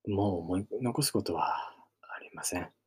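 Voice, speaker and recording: A man puts on a frail, polite sage who speaks in a faint, breathy whisper. The voice drops low and soft, with halting pauses. It is a storybook figure read aloud.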